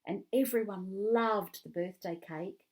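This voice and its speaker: A woman's voice: mid-range voice, unhurried, lightly acted. A woman voicing a cheerful young boy in a children's read-along, earnest and eager. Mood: excited. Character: cheerful young boy celebrating his birthday.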